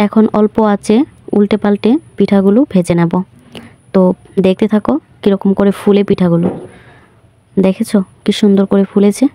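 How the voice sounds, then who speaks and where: A woman's voice: medium pitch, warm tone, no echo. A woman hosting a cooking channel, narrating a recipe step by step in a friendly, instructional way.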